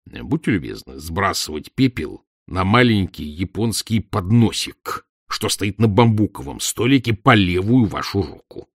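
A man's voice: deep voice, expressive, measured pace, few pauses, no room sound, studio quality, full character voice. A man voicing a pompous, arrogant older male professor who talks down to his listener in a lecturing way. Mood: condescending. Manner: haughty, lecturing, condescending. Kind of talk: audiobook reading.

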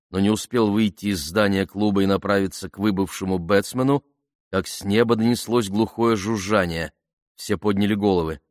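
A man reading an audiobook in a measured, even storytelling manner. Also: deep voice, no echo, clean studio sound. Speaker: narrator. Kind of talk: scripted audiobook narration.

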